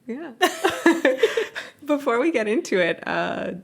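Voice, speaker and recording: A woman's voice: fairly high pitch, very animated, slow, gravelly, breathy edge. A woman co-hosting a casual book podcast, chatting and laughing along with her friend. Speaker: podcast co-host. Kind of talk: casual chat.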